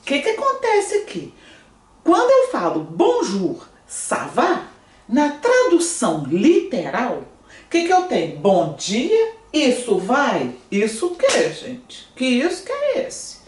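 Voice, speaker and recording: Woman teacher doing an online lesson, animated voice, roomy echo, mic kinda far. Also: sits high, measured pace. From Brazil. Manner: lively, asks students often. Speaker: French teacher. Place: room, in front of a screen.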